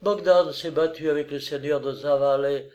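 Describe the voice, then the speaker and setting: A man reading aloud and voicing a proud, wounded young noblewoman who answers in a raised, hushed, intense voice. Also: low voice, fairly even intonation, moderate pace, muffled recording, lightly acted. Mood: defiant.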